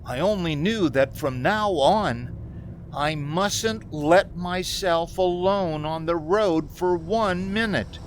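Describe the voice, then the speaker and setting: A man with a high-pitched voice and slow pace plays an anxious, haunted young driver crossing the country alone in a 1940s-style radio drama, both acting and narrating. He stammers, hesitant and pleading, in a haunted, brooding mood, recorded at a community theater with faint background noise.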